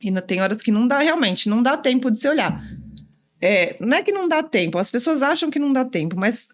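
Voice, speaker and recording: Woman, volleyball coach, rapid speech, slightly high voice, animated interview talk. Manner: animated, acts out quotes, many "né?" tags. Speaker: volleyball coach, former pro player. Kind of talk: casual interview chat.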